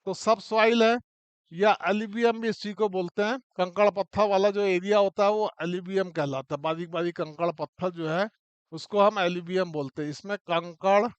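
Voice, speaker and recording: A man teaching mining, explaining a model step by step in a relaxed classroom way and often checking in with the listener. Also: high voice, moderate pace, smooth, dry recording, lo-fi sound.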